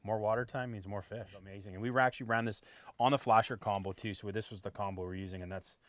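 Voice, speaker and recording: A man in his forties, hosting a fishing show, talks casually about his gear from a boat outdoors using a lapel mic. He has a lowish voice and talks fast, and the recording is dry. Easygoing and chatty, he habitually adds "right?" at the end of lines.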